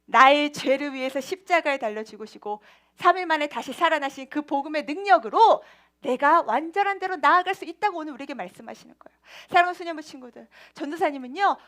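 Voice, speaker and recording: A woman, talking in a lively, playful way and laughing often. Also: sits high, brisk. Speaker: children's ministry preacher. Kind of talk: children's sermon.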